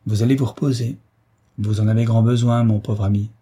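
A man's voice: on the low side, steady tone, brisk, mellow, breathy edge. A man voicing a gracious, teasing royal princess in an audiobook story, raised to a lighter, playful tone.

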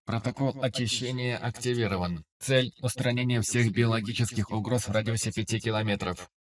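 A man voicing a vehicle's onboard computer with a cold, metallic robot voice, announcing in a flat mechanical way. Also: medium pitch, fairly quick, lightly acted.

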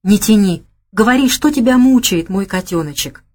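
A woman's voice: medium pitch, lively intonation, normal speed, close to an everyday voice. A woman doing a hot-tempered gangster man. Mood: gruff. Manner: gruff, boastful, blustering. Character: gruff young gangster man, quick-tempered.

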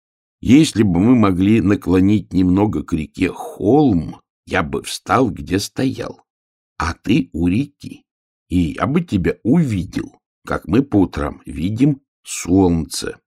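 A man voicing a young bear cub who talks slowly and a little pompously, as if he knows it all. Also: low voice, lively intonation, dark tone, slightly rough, no echo, studio quality, heavily acted. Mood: knowing. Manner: slow, knowing, a little pompous. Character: young bear cub, calm and self-important.

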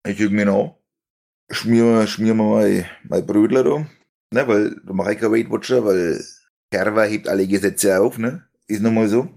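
A man's voice: on the low side, normal speed, gravelly, darkish tone. A young man telling rambling, laughing anecdotes in a casual stream chat. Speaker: stream host telling a story.

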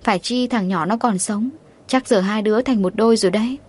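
A woman's voice: medium pitch, a little fast, a little mellow, lightly acted. A woman reading the lines of an elderly grandmother who heads a wealthy family in an audiobook. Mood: wistful. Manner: commanding, then musing.

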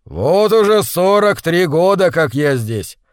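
A man voicing a dignified hermit who has lived by a waterfall for decades, speaking loudly, almost shouting. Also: mid-range voice, slow pace, dry recording, clean studio sound, natural voice. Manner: loud, near-shouting delivery.

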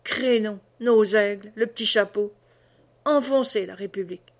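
A woman's voice: mid-range voice, normal speed, natural voice. Ratapoil, a woman doing a drunk old soldier-worshipper. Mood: boastful. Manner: hiccuping, blustering oaths. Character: drunk old Bonapartist peasant man, boastful.

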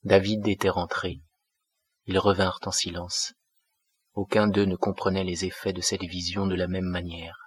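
A man narrating a classic novel as an audiobook in a measured, steady way, close to the mic. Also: deep voice, slightly rough, dry recording.

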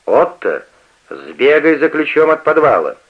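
A stern, domineering old father who snaps out his commands, his lively voice pitched a little above the reader's own, as a man reads him. His orders come loud and clipped in a radio play. The sound is dull and lo-fi, as on an old radio recording. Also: unhurried, breathy edge, heavily acted. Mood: commanding. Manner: barking orders.

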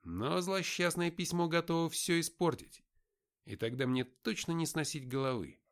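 A man narrating an audiobook in the first person, with an expressive, wry inner-monologue delivery. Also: a little high, normal speed.

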